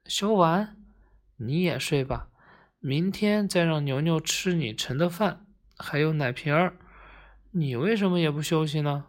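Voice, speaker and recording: A storyteller voicing a kind green paint blob that coaxes toys to sleep in a quiet, whispery, slow voice in a bedtime story. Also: medium pitch, natural voice. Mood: coaxing.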